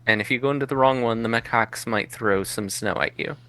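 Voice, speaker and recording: A man playing a calm, matter-of-fact male caretaker and former teacher who is unbothered by sarcasm. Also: mid-range voice, brisk, no room sound, close to an everyday voice.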